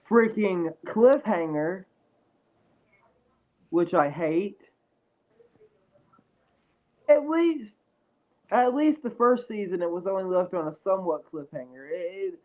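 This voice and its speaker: A man's voice: high voice, poor audio. A young man who is sick, chatting casually as a podcast co-host. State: sick with a cold or similar illness.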